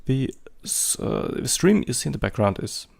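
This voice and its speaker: A photography vlogger in his thirties, a native German speaker, talks in English with a German accent, rambling casually with lots of hesitations and fillers. His mid-range voice swings widely in pitch at a moderate pace. It sounds creaky, a little mellow and slightly rough.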